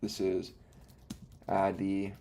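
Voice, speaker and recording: Low-voiced man live-coding, with hiccups. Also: monotone, drawn-out words, gravelly, warm tone, a little hiss or hum. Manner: mutters code steps aloud, then explains in a rambling, self-correcting way. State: has the hiccups. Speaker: livestream host. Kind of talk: live coding stream, thinking aloud. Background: faint music and keyboard typing.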